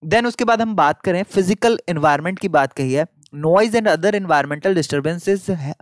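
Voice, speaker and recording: Man lecturing, slightly high, dry sound. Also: no room sound. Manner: reads English passages slowly, explains in chatty Hindi with fillers. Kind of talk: exam-paper lecture in Hindi-English mix.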